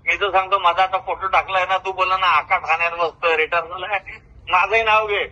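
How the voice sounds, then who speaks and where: In a heated, informal phone call that was recorded, a retired government officer, an older man from Maharashtra with a Marathi accent, brags and confronts at length. His high voice is a little fast and sharp, with fairly even intonation.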